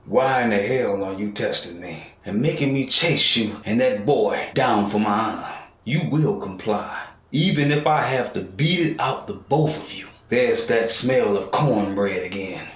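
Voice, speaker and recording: A man voicing a hostile, hot-tempered grandfather who talks harshly and yells threats. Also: fairly low pitch, lively intonation, unhurried. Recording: roomy echo.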